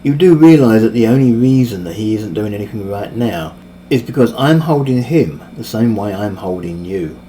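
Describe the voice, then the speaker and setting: A man's voice: lowish voice, expressive, moderate pace, dark tone, a little hiss or hum, lightly acted. A man voicing a smug, overpowered male villain mage who taunts his victims with casual cruelty. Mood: gloating. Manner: mocking, cocksure, casually cruel.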